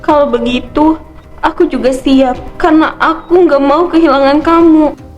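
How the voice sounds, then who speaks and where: A woman voicing a frightened young woman in an animated drama, speaking timidly and hesitantly. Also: sits high, normal speed, lo-fi sound, faint music behind, natural voice.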